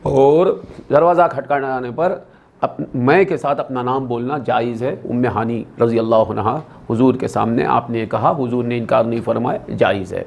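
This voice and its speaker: A male preacher giving a sermon to a gathering. He asks his listeners questions and repeats the answers back to them. When he acts out quoted dialogue, his voice climbs higher. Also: vocal fry, a little mellow. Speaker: Islamic scholar preaching. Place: religious gathering.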